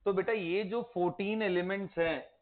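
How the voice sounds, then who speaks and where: A man's voice: high-pitched, steady tone, moderate pace. A man teaching a chemistry lesson, quizzing his students and coaxing them to recite element names. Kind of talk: classroom lecture. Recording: tinny phone-like audio.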